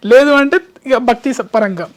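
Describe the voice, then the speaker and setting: A woman's voice: on the high side, moderate pace. A woman interviewing a guest, soothing and encouraging, with frequent hums of agreement.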